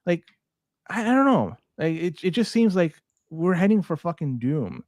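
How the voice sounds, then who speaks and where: Male podcast co-host from Toronto, lively and high-pitched, exasperated, on a dry close mic. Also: normal speed, dry recording. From Toronto, Canada. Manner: animated, swearing, exasperated. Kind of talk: casual podcast banter.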